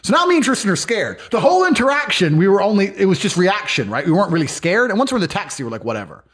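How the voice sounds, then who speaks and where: A man telling stories in a casual interview, blunt and profane. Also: high voice. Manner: fast, animated, profane storytelling. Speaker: guest.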